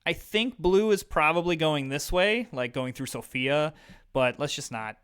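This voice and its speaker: A man in his thirties with a Midwestern American accent gives loose, filler-heavy commentary while he plays. His voice comes across bright and forward, with a smooth, clean tone into a desk mic. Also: a little high, expressive, a little slow. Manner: rambling, filler-heavy, self-deprecating. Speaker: gaming YouTuber. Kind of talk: casual let's-play commentary.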